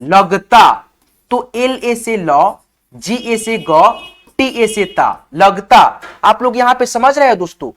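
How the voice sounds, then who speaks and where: A man talks through an online spelling lesson, breaking each word into letters at an unhurried pace. He keeps stopping to check in with his viewers, calling them friends. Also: sits high, lively intonation, fairly bright tone. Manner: spells words out letter by letter, slowly; often says "okay, friends". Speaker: English teacher.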